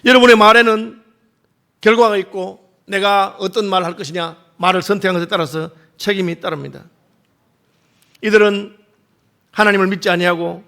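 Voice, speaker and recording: A male pastor delivers a sermon in a church, his voice sitting notably high for a man. He preaches with emphasis, pressing his points home with rhetorical questions he then answers himself. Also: fairly bright tone. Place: church sanctuary.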